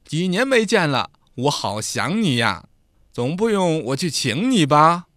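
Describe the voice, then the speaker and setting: A man voicing a menacing, domineering man fresh out of prison who bullies and sneers in a loud voice. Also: on the high side, very animated, measured pace, no room sound, clean studio sound. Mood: bullying.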